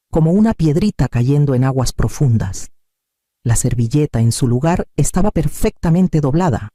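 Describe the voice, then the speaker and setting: A man reading a scripted first-person family drama in a calm, measured storytelling manner. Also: mid-range voice, dry recording, clean studio sound. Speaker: narrator.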